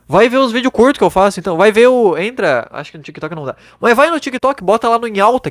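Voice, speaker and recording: A young man hosts a podcast in his bedroom, speaking into a microphone in a high voice as he hands out blunt, casual advice laced with swearing. The recording is studio quality, with no room sound.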